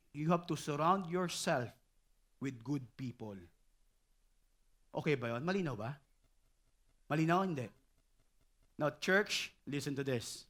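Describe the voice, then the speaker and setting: A middle-aged man preaching a sermon as pastor, animated and repeatedly asking the congregation if they follow. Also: on the high side.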